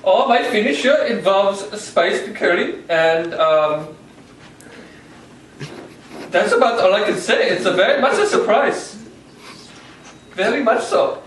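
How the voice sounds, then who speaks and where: A man plays a deadpan Indian wrestler giving a comedic promo. His voice is high and hesitant, heard from off-mic in a very echoey room. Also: takes it slowly, pauses often, exaggerated voice. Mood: secretive boasting. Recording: very echoey, distant, hissy room recording.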